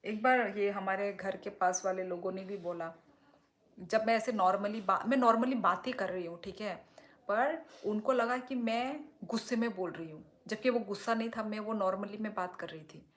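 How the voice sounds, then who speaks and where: A woman's voice: medium pitch, moderate pace. A young woman from Tripura chatting casually on a livestream while reading comments, with a blunt tone that can sound like scolding. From Tripura, India. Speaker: livestream host.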